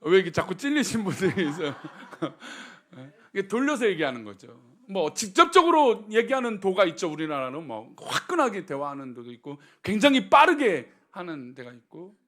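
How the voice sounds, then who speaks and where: A man's voice: high voice, sharp tone. A male pastor giving a sermon, telling humorous stories and asking the congregation rhetorical questions. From Seoul.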